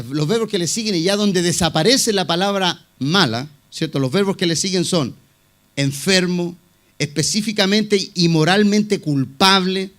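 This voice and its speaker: High-voiced male pastor preaching. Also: a bit bright. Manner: conversational preaching with many fillers and repeated phrases; asks the congregation rhetorical questions. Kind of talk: sermon.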